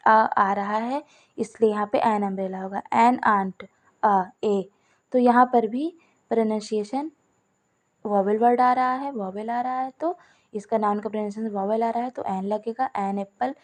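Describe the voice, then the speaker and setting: Woman teaching grammar, slightly high voice. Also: a little mellow. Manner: explains step by step, repeats examples, asks and answers own questions; addresses viewers as friends. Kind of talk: Hindi-language grammar lesson.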